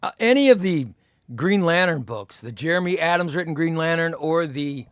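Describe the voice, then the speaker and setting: A fifties-aged man chats casually while hosting a comics livestream, reading viewer comments aloud, rambling, and repeating phrases. He speaks at normal speed in a clean, animated voice that runs on the high side.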